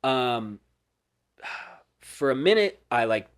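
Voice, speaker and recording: A man guesting on a podcast, telling a story in casual chat, rambling with lots of fillers and dropping to soft murmurs. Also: mid-range voice, big pitch swings, slow pace, clear, resonant tone.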